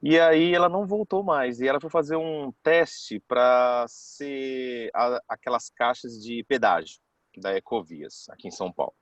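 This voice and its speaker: A chatty man tells a story to a class, slipping into the voices of the people he quotes as he goes. His pitch sits in a plain middle range, and the sound is dry and close, with no room echo. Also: measured pace. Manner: chatty, keeps saying "cara". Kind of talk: casual storytelling.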